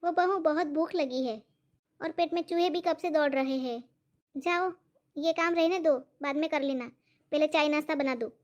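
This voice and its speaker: A bossy, greedy old mother-in-law, as a woman plays her. She nags without pause, and her voice sits very high. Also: lo-fi sound, natural voice. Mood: demanding. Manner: nagging, bossy.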